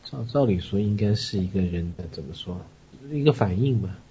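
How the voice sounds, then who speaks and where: Male radio co-host from Zhejiang, low and husky, measured and agreeable, lo-fi sound. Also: expressive, mellow. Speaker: co-host reading scripture. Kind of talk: radio Bible study discussion.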